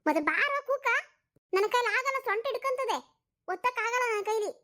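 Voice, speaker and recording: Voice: very high voice, lively intonation, brisk, bright, forceful tone, full character voice. A woman doing a bossy, mocking old mother. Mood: mocking scold. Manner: scolding, mocking. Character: sharp-tongued old mother, bossy mother-in-law. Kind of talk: cartoon voice acting.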